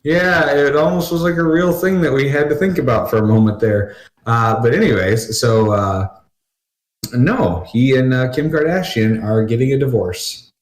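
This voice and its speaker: A man's voice: mid-range voice, normal speed. A young man co-hosting a casual podcast, joking and self-deprecating. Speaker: podcast co-host. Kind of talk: casual chat. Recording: echoey room.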